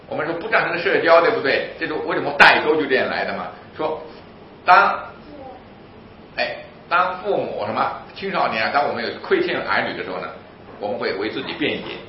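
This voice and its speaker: A man preaching a sermon in an animated, emphatic way, asking rhetorical questions and answering them himself. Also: fairly high pitch, a little hiss or hum. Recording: roomy, slightly dull recording.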